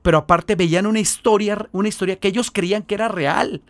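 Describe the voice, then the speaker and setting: A Mexican man with a Mexican accent, a missionary guest, telling his stories in an animated way and acting out the voices. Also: high-pitched, brisk, no room sound. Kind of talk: storytelling in an interview.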